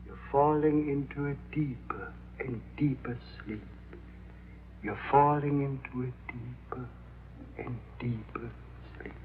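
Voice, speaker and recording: An actor playing a con man who poses as a temperamental hypnotist professor, with grandiose, deliberate delivery in a vintage crime drama. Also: mid-range voice, close to an everyday voice. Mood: hypnotic, soothing. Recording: tinny band-limited old TV soundtrack, humming noise.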